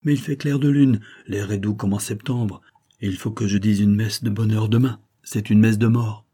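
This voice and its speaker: A man voicing a kindly country priest who speaks in a gentle, measured way. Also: on the low side, steady tone, slightly rough. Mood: calm.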